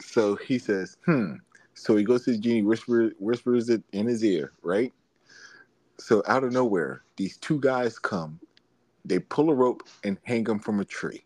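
A man's voice: on the low side, unhurried, darkish tone, dry recording. A man co-hosting a podcast, telling a long joke step by step in casual chat and checking in with "right?". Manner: plain step-by-step storyteller, adds "right?". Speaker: podcast co-host.

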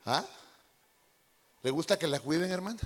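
Pastor de voz aguda en una iglesia resonante. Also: male voice, on the high side, animated, normal speed, big-room sound. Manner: playful, addresses the congregation directly. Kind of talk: lively sermon with acted-out impressions. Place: church hall.

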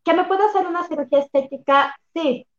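A high-pitched woman talks reflectively and with emphasis, often affirming what she hears. Her voice carries a roomy echo, and the recording sounds somewhat dull and lo-fi. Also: fast talker. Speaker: workshop facilitator and coach. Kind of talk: casual conversation.

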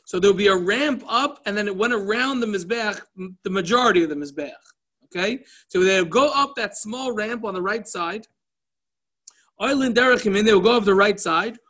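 A man's voice: high-pitched, a little fast, bright, forceful tone. A man teaching a casual Talmud class, telling stories and explaining the text in a loose, conversational way with Yiddish and Hebrew terms mixed in.

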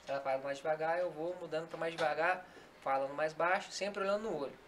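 A quick-talking man guiding a hypnosis demonstration with slow, steady, soothing commands, then explaining his methods in a relaxed podcast chat. His pitch sits mid-range, and faint noise hums under the recording. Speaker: hypnotist guest. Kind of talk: casual podcast chat with a live hypnosis demo.

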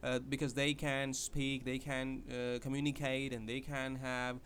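This podcast host, a non-native English speaker, delivers a casual advice monologue haltingly, with plenty of fillers and restarts. His voice is medium-pitched, flat, measured and fairly bright, over a little hiss or hum.

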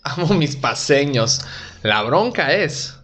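A man's voice: a little high, very animated, takes it slowly, a bit bright. An Italian-born man in his young adult years, a comedian telling jokes and rambling stories in a casual interview. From Italy. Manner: joking, self-deprecating, rambling. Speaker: comedian guest.

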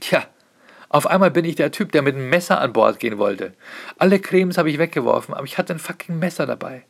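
A man, a comedian, telling a casual comic anecdote in an animated way, swearing freely and acting out bits of dialogue. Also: a little high, fast, gravelly.

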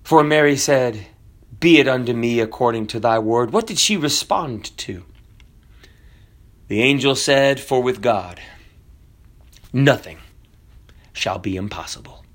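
A man born in Kenya preaching a sermon, fervent, building to near shouts and then dropping low and soft. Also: a little slow, long pauses.

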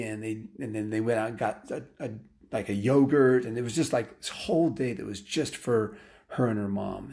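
A man telling a story aloud in a casual, rambling way, full of restarts and fillers, and getting lively at the exciting parts. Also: fairly low pitch. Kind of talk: improvised bedtime-style story told aloud.

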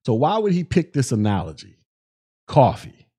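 A young man hosting a solo podcast, talking in animated, slang-heavy commentary full of restarts and repeated words. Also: medium pitch, moderate pace, husky. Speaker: podcast host.

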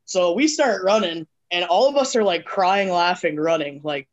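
A man with a fairly high voice tells a rowdy story on a casual podcast. He rambles, swears constantly and leans on fillers as he goes. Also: moderate pace, muffled recording. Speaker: podcast co-host.

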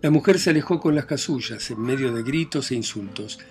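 A man's voice: fairly quick, a little mellow. Man narrating a novel over faint music. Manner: reads plainly, voicing characters with raised pitch and volume. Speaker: audiobook narrator.

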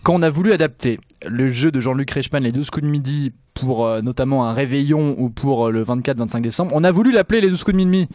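A man's voice: medium pitch, quick pace, hardly any pauses, warm tone, no room sound. A man on a talk-show panel chatting playfully and dropping teasing trivia asides. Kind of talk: casual chat.

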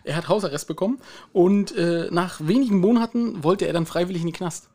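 Podcast co-host, man, fast talker, storyteller who acts out the dialogue. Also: sits high, mellow. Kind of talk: casual chat.

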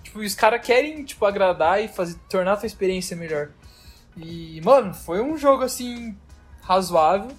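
A man's voice: high voice, expressive, normal speed, soft background music. A man with a Brazilian Portuguese accent telling a travel story in casual chat, loose and slangy, full of fillers.

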